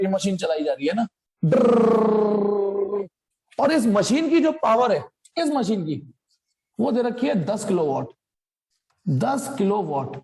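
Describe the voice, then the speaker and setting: A young man with a very high-pitched, slightly mellow voice explains a physics problem in a blackboard lesson. He keeps it chatty and joking, mixing in English phrases and imitating machine noises.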